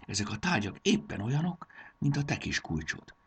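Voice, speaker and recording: A man's voice: fairly low pitch, big pitch swings, creaky, breathy edge, voice pushed up, exaggerated voice. A man voicing a small, frightened young girl who speaks timidly. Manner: timid and breathless.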